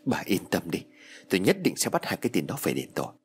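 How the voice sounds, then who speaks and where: A man's voice: deep voice, huge pitch swings, fast, vocal fry, slight background noise, voice pushed down, full character voice. A man voicing a domineering wealthy old matriarch with a cold, commanding manner. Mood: stern.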